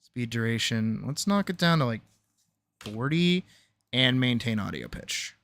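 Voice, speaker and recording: A man's voice: mid-range voice, expressive, unhurried, gravelly, fairly bright tone. A man chatting casually and thinking aloud as he edits on a livestream, swearing freely and sarcastically, with some muttering to himself. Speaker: animator editing their own series on a livestream. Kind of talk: casual chat, thinking aloud while editing.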